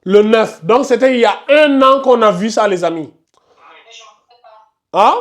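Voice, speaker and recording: A man's voice: high voice, animated, unhurried. A man teaching a live tajwid class, questioning students by name and insisting they concentrate. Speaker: Quran recitation teacher.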